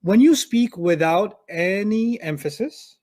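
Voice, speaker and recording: Male Arabic tutor, high-ish voice, patient, one-on-one lesson, repeats and drills examples. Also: animated, a little mellow. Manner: patient, repeats key points, acts out quick example arguments. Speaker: Arabic teacher.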